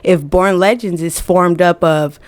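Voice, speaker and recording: Slow, low-voiced frank woman. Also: clean tone, no echo. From born in New Jersey, raised in Atlanta. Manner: frank, laughing, emphatic. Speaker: music management guest. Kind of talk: casual podcast chat.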